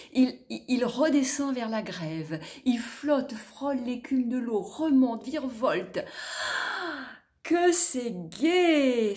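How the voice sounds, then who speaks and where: A woman narrating a storybook tale in an expressive, partly whispered way. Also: on the high side.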